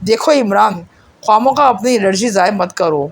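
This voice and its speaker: A woman's voice: medium pitch, close to an everyday voice. A woman voicing a cunning, defeated foreign villain prince who bargains and threatens. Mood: coaxing. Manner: scheming, shifts between bargaining and threats.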